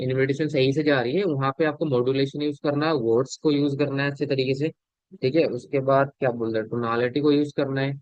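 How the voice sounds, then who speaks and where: A man coaching a sales team in an informal talk. He keeps asking whether they understand, repeats his points, and changes his loudness and speed to demonstrate. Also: medium pitch, no echo. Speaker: sales business trainer. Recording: dull lo-fi audio, dry.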